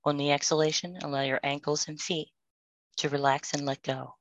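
Woman guiding a prayer meditation, low steady voice, dry close sound. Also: no room sound, rough recording. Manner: slow, soothing, calm instructions with pauses. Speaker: meditation guide.

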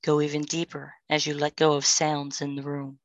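Low, flat, calm woman guiding meditation. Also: no room sound, lo-fi sound. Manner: slow, soothing, calm instructions with pauses. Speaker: meditation guide.

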